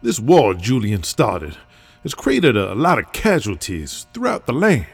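A man voicing a gruff, husky veteran male wrestling legend, folksy and rousing. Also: mid-range voice, wildly swooping pitch, a little slow, soft background music, full character voice.

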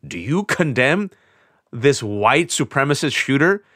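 A middle-aged man from California, a guest author on an interview podcast, tells stories in an animated, sardonic way with quick shifts in pitch. The studio sound is clean, with no echo.

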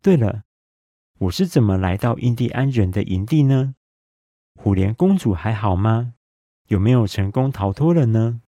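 A man voicing a brave, kind young boy hero in a bedtime story, speaking gently and earnestly. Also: on the low side, lively intonation, normal speed, no echo, studio quality.

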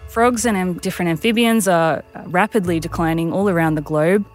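Lower-voiced woman scientist in an interview. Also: a little fast. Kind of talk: interview explanation. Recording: faint music behind the voice.

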